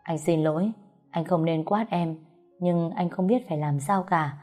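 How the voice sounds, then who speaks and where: Young husband, gruff yet tender, read by a woman storyteller; low, dark tone, faint music bed. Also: unhurried, close to an everyday voice. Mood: soothing. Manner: scolding then soothing, plain speech. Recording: soft music behind the voice.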